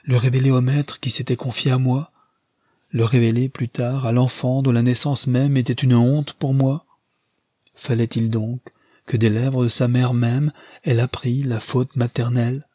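A man's voice: mid-range voice, little pitch movement, unhurried, mellow, slightly rough, dry recording, clean studio sound. A man voicing a guilt-ridden, anguished dying woman in an audiobook reading. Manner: anguished, questioning.

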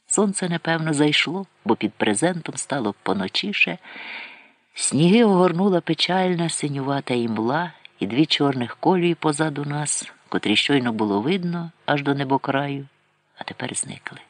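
A male reader tells a story in a measured, expressive way, with his pitch moving in a lively way. The recording is close and dry, with no room sound. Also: dry recording. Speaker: audiobook reader. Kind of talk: literary narration.

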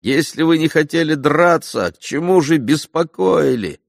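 A man voicing an offended gentleman in a duel, sardonic and irritated, in an audiobook. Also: mid-range voice, lively intonation, moderate pace, no room sound, clean studio sound, lightly acted.

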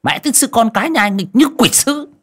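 A man voicing a cruel village woman who nags and scolds in a loud, shrill voice. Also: animated, brisk, full character voice. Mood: scolding.

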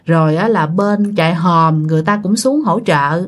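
Speaking at a normal speed in a fairly low voice, a woman tells a ghost story in a chatty way. She often addresses her listeners directly.

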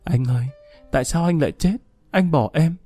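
A woman's voice: lowish voice, steady tone, moderate pace, dark tone, breathy edge, no room sound, soft background music, voice pushed up. A man putting on a sobbing young wife. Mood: grieving. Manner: sobbing, disbelieving cries.

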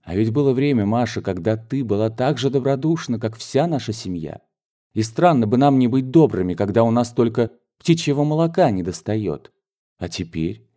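A man lifts his voice well above his own to play a spirited young woman from a classic novel, earnest and reproachful. Her talk runs hot and pleading, and her pitch climbs and swings widely. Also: animated, normal speed, warm tone, lightly acted.

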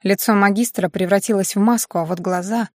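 A woman reading a fantasy story aloud in steady, scripted audiobook narration. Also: medium pitch, fairly quick, no room sound, clean studio sound.

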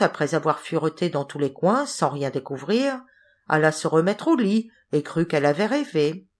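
A woman reading a fairy tale aloud as an audiobook, expressive and measured. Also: on the low side. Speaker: audiobook reader. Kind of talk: storybook narration.

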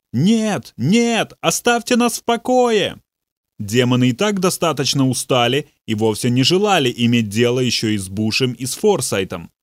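A man narrating an audiobook in a measured, steady storytelling voice. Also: medium pitch, dry recording, clean studio sound. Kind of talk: audiobook reading.

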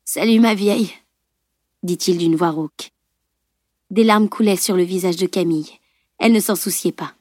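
A woman narrating an audiobook in an even, measured storytelling manner. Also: fairly low pitch, dry recording, studio quality.

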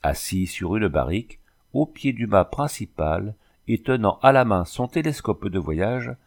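Brief: deep-voiced man narrating an old adventure novel, steady and measured. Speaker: audiobook reader. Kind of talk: scripted narration.

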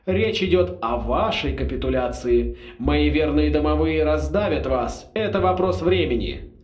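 A man voicing a suave, scheming old former rector turned sorcerer villain in an audiobook, speaking slowly, loudly and with menacing politeness. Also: a little high, expressive, echoey room, lo-fi sound. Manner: slow, loud, menacingly polite. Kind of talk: audiobook character voice.

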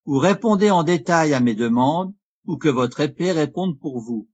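A man reading an audiobook, voicing a hot-tempered young nobleman with a raised, husky voice. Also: a little high, expressive, moderate pace, darkish tone, voice pushed up. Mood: indignant. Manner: heated, emphatic, raised voice.

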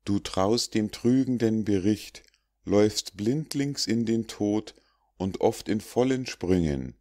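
A man with a deep voice narrates an audiobook of rhymed fables. His pace is slow and deliberate, and he keeps a steady, measured verse rhythm. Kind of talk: reading rhymed fables aloud.

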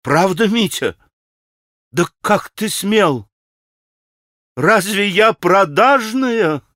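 Storybook role: furious proud young woman, read by a man, raised shrill voice. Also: expressive, a little slow, fairly bright tone, dry recording, studio quality. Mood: scornful hysterical.

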